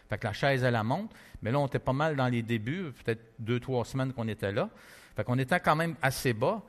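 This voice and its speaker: Québécois preacher telling his story in a hall. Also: mid-range voice. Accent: Québécois French. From Quebec. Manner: lively conversational storytelling, many fillers. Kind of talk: testimony sermon.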